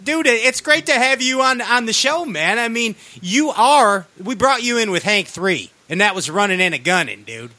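A man hosting a fishing show in a casual, slangy, excitable and joking way. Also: sits high, moderate pace, few pauses, dry recording. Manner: excitable, jokey, says dude often.

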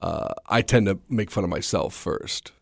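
Recorded in studio quality with no room sound, this deep-voiced man talks at a moderate pace with vocal fry. He's a stand-up comedian in a casual interview, his voice a little scratchy after a long day, joking at his own expense and laughing a lot.

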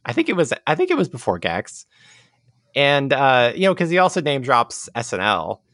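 A man's voice: medium pitch, wildly swooping pitch, normal speed, fairly bright tone, no echo, clean studio sound. A man chatting casually as a podcast co-host about a video game, with a wry, jokey, ironic way of riffing.

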